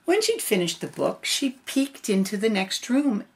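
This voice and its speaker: Older woman, grandma storyteller, unhurried, lively pitch swings over a creaky voice. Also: a little hiss or hum. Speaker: grandmother reading a picture book aloud. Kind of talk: storybook read-aloud with casual asides.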